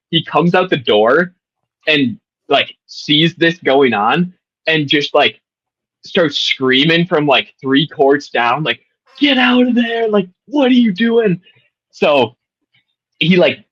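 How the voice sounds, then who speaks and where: Young man telling a story in a husky, bright voice. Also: lowish voice, no echo, highs cut off. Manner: animated, many fillers and restarts. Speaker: guest, former college tennis player. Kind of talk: casual storytelling.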